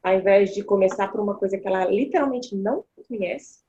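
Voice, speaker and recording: A woman speaking as a guest, explaining child development in animated conversation and acting out the voices she quotes. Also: mid-range voice, fairly quick. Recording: dull lo-fi sound.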